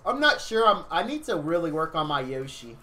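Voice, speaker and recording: A man's voice: on the high side, sing-song, fairly quick, pushed and bright, faint music behind. A tired man streaming a video game, chatting casually and rambling to his viewers. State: tired, yawning.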